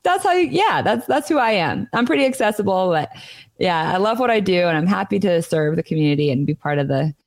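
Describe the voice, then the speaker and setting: A woman's voice: mid-range voice, big pitch swings, a little fast, no echo, studio quality. A chatty woman giving conversational advice as an interview guest. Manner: chatty, talkative. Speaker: podcast guest, nonprofit consultant.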